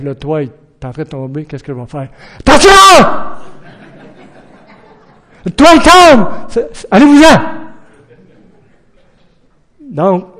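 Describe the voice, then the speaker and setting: A middle-aged man preaches a sermon in an earnest voice pitched a little high. He keeps putting questions to his listeners and breaks into acted-out shouted warnings.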